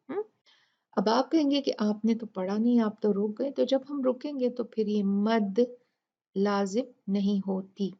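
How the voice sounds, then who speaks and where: A woman teaching Quran recitation rules in a tajweed tutorial, explaining patiently step by step and repeating examples slowly. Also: medium pitch, creaky, muffled recording.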